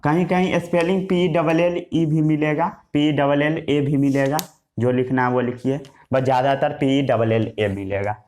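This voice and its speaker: A man's voice: mid-range voice, fairly even intonation, moderate pace, a little mellow. A male teacher giving a science lesson, asking questions and answering them himself, repeating key words while he writes. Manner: repetitive question-and-answer teaching, writing as he talks. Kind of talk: Hindi science lesson with English terms.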